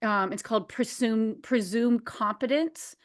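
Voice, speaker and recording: A woman in her forties hosting a casual conversation about behavior analysis, animated and quick to laugh. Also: on the high side. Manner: animated, laughs often, acts out quotes.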